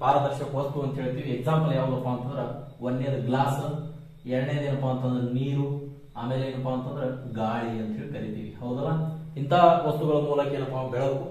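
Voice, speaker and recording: A man's voice: mid-range voice, steady tone, a little fast, darkish tone. Man, exam-coaching teacher, emphatic, repetitive, very echoey room. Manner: emphatic, repeats key terms and asks rhetorical questions. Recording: very echoey room, mic at a distance.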